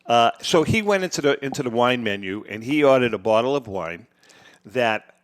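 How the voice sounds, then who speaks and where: Man, podcast co-host, casual storytelling, filler-heavy talk, mid-pitched voice. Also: animated, normal speed. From United States. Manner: storytelling, chatty with frequent fillers and restarts. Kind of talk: casual chat.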